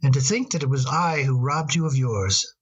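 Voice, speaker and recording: A man acting in an old radio drama as a tender father talking fondly to his daughter, gentle and a little halting. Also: medium pitch, lively intonation, breathy edge, lo-fi sound.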